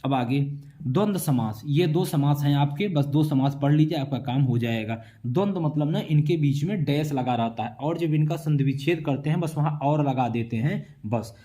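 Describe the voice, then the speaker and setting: A man's voice: fairly high pitch, moderate pace, mellow. A male teacher giving an exam-prep lesson in a casual way, answering his own questions in his students' voice and drilling word splits over and over. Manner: talks to students, voices their replies himself; casual, says "yaar" often.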